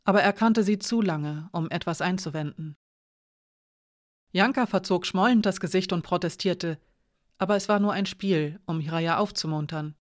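Narrator reading a novel, even and steady, very dry sound. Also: medium pitch, normal speed, dry recording. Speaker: audiobook narrator. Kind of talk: scripted narration.

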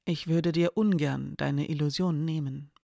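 Narrator doing creepy mirror thing shaped like a pale woman, slow and curt, dry sound. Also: medium pitch, fairly even intonation, vocal fry, warm tone, no room sound. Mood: cool, terse. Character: eerie mirror being in a thin pale woman's shape, calm and terse.

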